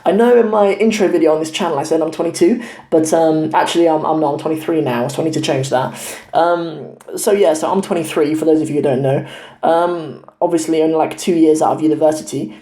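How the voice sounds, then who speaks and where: Young male channel host, halting casual Q&A delivery, warm tone, lapel mic in a reverberant room. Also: on the high side. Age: 20s. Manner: hesitant, many fillers and restarts. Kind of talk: casual Q&A talk to camera. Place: his home in Cornwall.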